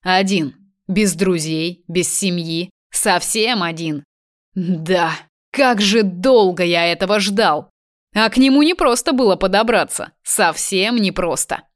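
A man's voice: high-pitched, slow pace, a bit bright. A woman reading the part of a cruel, vengeful male kidnapper who taunts and gloats. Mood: gloating. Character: vengeful cruel young man kidnapper, mocking.

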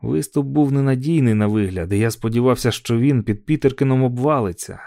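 A man narrating an audiobook story in a measured, calm telling. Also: medium pitch, gravelly, no echo, clean studio sound.

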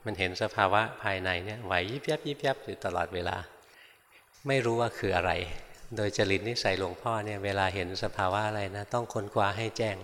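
Older monk, low voice, long hall reverb. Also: male voice, slight background noise. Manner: unhurried, conversational, softens points with a gentle tag word. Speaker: Buddhist monk giving a Dharma talk. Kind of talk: informal storytelling sermon.

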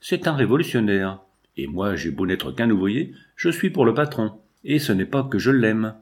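A man's voice: fairly low pitch, big pitch swings, moderate pace. A man voicing a blunt, opinionated working man who speaks assertively.

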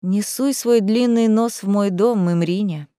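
A woman voicing a sharp-tongued young witch with a wry, mocking manner in a storybook. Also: mid-range voice, a little slow, clean tone, dry recording, clean studio sound, close to an everyday voice.

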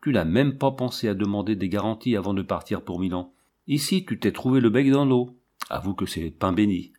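A man's voice: lowish voice, darkish tone. A man voicing a level-headed adult male circus hand who reasons bluntly and with resignation.

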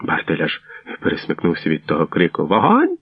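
A man with a very low voice reads a literary story with expressive, dramatic delivery. The sound is dull and muffled, and completely dry. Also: moderate pace, no room sound. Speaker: audiobook reader.

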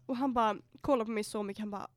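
A woman's voice: on the high side, dry recording. Young Swedish-speaking woman telling a wild story. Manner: animated storytelling, quoting herself; swears freely, mixes in English. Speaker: podcast co-host. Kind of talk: casual chat.

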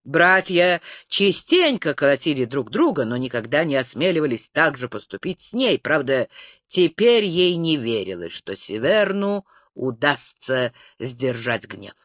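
A man narrating an audiobook in a low, measured storytelling voice. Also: very animated, a bit bright, no echo. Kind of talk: scripted narration.

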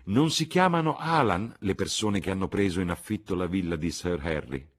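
A man's voice: sits low, lively intonation, normal speed, pitched above the performer's own voice. A man voicing a boisterous, teasing young man who speaks brashly and sure of himself.

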